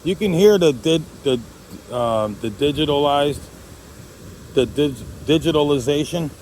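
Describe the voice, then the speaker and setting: A man's voice: a little high, measured pace, background noise. A man chatting casually to viewers as a hobbyist vlogger, in a rambling, jokey way. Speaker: amateur radio hobbyist vlogger.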